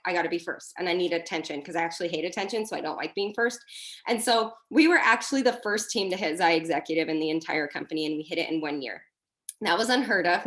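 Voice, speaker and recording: A woman's voice: on the low side, a bit bright. Woman, 30s, team leader on a call. Candid, conversational, acts out her own inner voice. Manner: candid, chatty, with self-quoting asides. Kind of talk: motivational team call talk.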